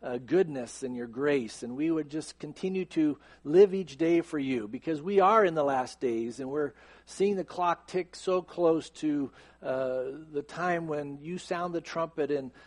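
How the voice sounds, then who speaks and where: An American pastor in his fifties leads a church service, speaking at a measured pace in a fairly high voice. He mixes joking asides with an earnest prayer, delivering sermon and prayer in the sanctuary.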